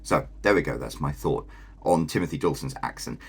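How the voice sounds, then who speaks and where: Very deep husky man, chatty commentary. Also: brisk. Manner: chatty and enthusiastic, with many fillers. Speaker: host. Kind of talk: casual video commentary.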